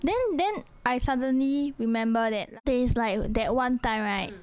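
Young Singaporean woman, slightly high voice, casual Singlish storyteller, conversational and colloquial. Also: moderate pace, darkish tone, clear, resonant tone. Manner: colloquial Singlish with sentence-ending particles. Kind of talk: casual chat, telling personal stories.

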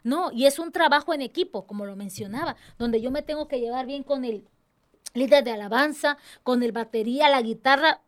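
A woman's voice: sits high, brisk. A young adult woman, earnestly explaining her tambourine dance ministry in a casual church talk. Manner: earnest, expressive, mimics others' voices.

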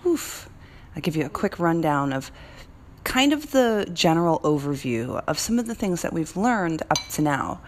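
Upbeat woman, low voice, motivational talk. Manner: upbeat and encouraging, stretches key words. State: morning voice, clearing her throat. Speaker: lifestyle coach hosting a challenge.

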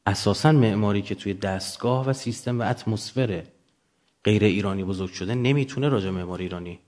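A man's voice: fairly low pitch, a little mellow. A man lecturing off the cuff to students, didactic, often posing questions and answering them himself.

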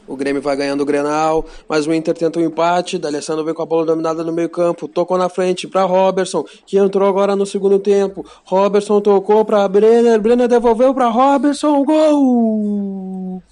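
High-pitched man, explosive goal commentary. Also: steady tone, normal speed, warm tone. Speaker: football talk show panelist. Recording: music behind the voice.

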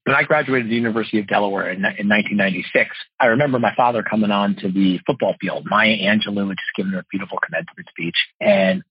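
Earnest fast-paced male interview guest, forties, slightly raspy, close dry lo-fi recording. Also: lowish voice, no room sound. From New Jersey. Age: 40s. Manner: earnest, fast-talking, expressive storyteller. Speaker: guest, financial wholesaler and speaker. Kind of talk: podcast interview storytelling. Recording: dull lo-fi dry podcast audio.

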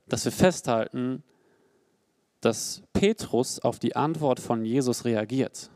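Young male preacher, earnest and personal sermon delivery, pitched a bit high, dry close sound. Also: no room sound. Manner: earnest and personal, swings between emphatic highs and quiet low passages.

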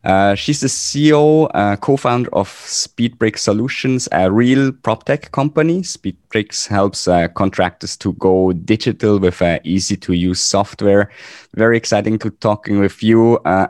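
Male host, low voice, halting friendly questions, dry close sound. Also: a little mellow, no room sound. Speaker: podcast host. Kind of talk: conversational interview.

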